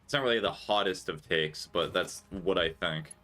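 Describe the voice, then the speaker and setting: A man's voice: sits low, normal speed, pushed and bright, soft background music. A young man chatting casually and musing aloud while he streams a game, given to mock-dramatic remarks. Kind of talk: casual gameplay chat.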